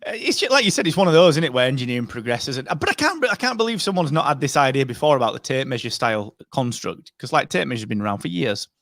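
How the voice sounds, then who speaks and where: A man's voice: mid-range voice, fast talker, hardly any pauses, no echo, studio quality. A man co-hosting a podcast, chatting casually and joking with lots of fillers. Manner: animated, joking banter with frequent fillers. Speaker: podcast co-host. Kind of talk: casual chat.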